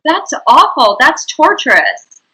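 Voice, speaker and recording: A woman's voice: high voice, sing-song, slow, sharp tone, poor audio. A woman hosting an interview, speaking indignantly and emphatically, repeating her points. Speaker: interviewer, host.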